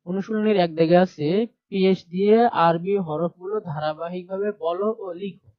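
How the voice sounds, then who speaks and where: A man's voice: high-pitched, steady tone, moderate pace, no echo, highs cut off. A man teaching a primary class over a shared screen, explaining step by step and repeating letter sounds aloud. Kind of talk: screen-share textbook lesson.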